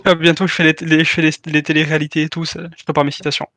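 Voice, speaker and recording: A man's voice: a little high, flat delivery, sharp tone, dry recording. A man playing in a quiz among friends who jokes and laughs often. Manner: jokey, quick, laughs often. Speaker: quiz contestant. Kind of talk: casual banter.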